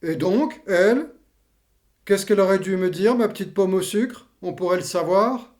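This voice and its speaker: Male actor as grumbling old veteran, high voice, blustering slangy delivery, stage comedy. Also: lively intonation, moderate pace, darkish tone. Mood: impatient. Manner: colloquial, blustering, twisted slangy grammar. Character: Achille, grumbling, mocking old war veteran. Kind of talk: theatrical comedy acting.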